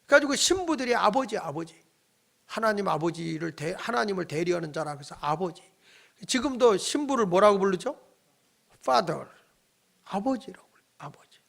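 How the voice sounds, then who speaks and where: A middle-aged male pastor preaching a sermon. He tells stories dramatically, acts out the dialogue in them with shouts and whispers, and urges the congregation to respond. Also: high-pitched, lively intonation, moderate pace, vocal fry, pauses often.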